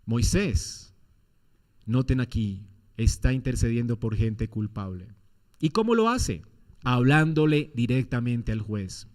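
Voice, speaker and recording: A man's voice: mid-range voice, animated, slow pace, darkish tone. A man preaching a sermon as pastor, firing off rhetorical questions with emphatic swings in his delivery.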